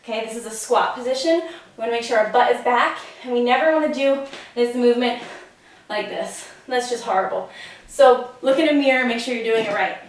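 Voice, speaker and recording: Fitness coach lady, highish voice, a bit winded, super echoey room, mic kinda far off. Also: brisk. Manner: instructive, demonstrates while talking. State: slightly out of breath. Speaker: fitness instructor. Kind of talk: demonstrating exercise technique.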